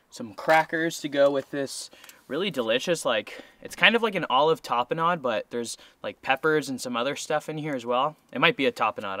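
Relaxed young man vlogging outdoors. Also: mid-range voice. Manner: relaxed, chatty, self-deprecating. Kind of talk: casual outdoor vlog narration. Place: outdoors by a river in a forest. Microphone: action camera, handheld or chest-mounted.

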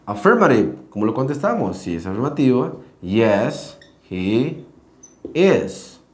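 A man teaching a basic English grammar lesson, slowly reading example sentences aloud and explaining each step. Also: mid-range voice, big pitch swings, echoey room.

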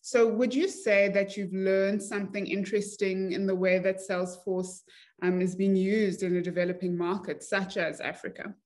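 A young woman hosts a podcast interview over a video call, asking her questions in a friendly, enthusiastic way. Her voice is medium in pitch with a somewhat dark tone, and her delivery is flat at a normal speed.

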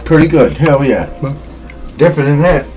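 A man's voice: on the high side, expressive, moderate pace, a little mellow, soft background music. Man talking with his mouth full. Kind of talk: casual chat over a meal.

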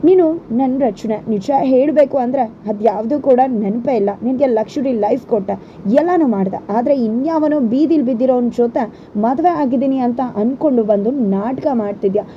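A woman's voice: a little high, normal speed, a little hiss or hum, close to an everyday voice. A woman voicing a scheming, taunting middle-aged mother who plays the villain, on a dull lo-fi recording. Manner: taunting, demanding.

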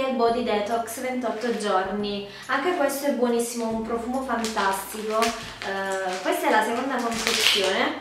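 A woman's voice: a little high, noisy background. Congested, duck-voiced woman, very echoey. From Puglia, southern Italy. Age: 20s. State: congested from a cold, sore throat, duck-like nasal voice. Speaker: vlogger. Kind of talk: casual talk to camera. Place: small bedroom indoors. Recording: very echoey room, music behind. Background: music.

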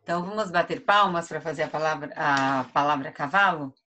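A Brazilian teacher with a low, brisk, pushed and bright voice gives an online lesson to first graders in Brazilian Portuguese. She draws out each word syllable by syllable for the young children.

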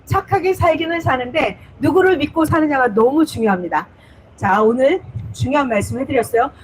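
A woman's voice: high voice, expressive, brisk, a little hiss or hum, rough recording. A woman preacher telling a Bible story in a simple storytelling sermon, repeating words for emphasis and asking her listeners questions. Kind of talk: children's-style sermon storytelling.

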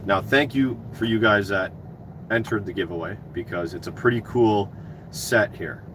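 A man's voice: lowish voice, normal speed. A man in his thirties chatting casually to viewers on a livestream in a laid-back way, hosting a giveaway. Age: 30s. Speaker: trade YouTuber hosting a giveaway. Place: inside a parked work truck cab. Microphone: phone at arm's length. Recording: clear vehicle and outside noise.

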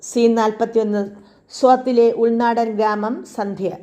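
A woman reading a documentary script aloud at a steady, even pace, announcing each scene. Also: on the high side, a little slow. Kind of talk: read-aloud script narration.

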